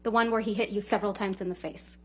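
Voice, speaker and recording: A woman's voice: medium pitch, steady tone, fast. A woman lawyer cross-examining a witness in a courtroom, firing clipped, leading questions that often end in a short tag.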